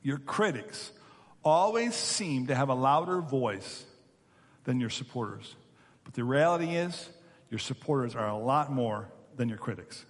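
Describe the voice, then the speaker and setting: A man preaching a sermon as pastor, animated and emphatic, often repeating his words. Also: mid-range voice, a little slow, long reverb tail.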